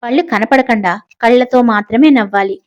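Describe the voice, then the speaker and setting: A woman's voice: on the high side, fairly quick, highs cut off, lightly acted. A woman voicing a playful, sarcastic teenage girl in an audiobook story. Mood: cheeky. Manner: sarcastic, casual.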